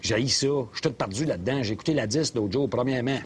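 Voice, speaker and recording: Man doing a mouthy Québécois taxi driver, middle-aged, sarcastic rants, mid-pitched voice, faint hum in the cab. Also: fast talker, close to an everyday voice. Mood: ranting. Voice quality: sarcastic ranting, mocking. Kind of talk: scripted comedy sketch. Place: inside a taxi.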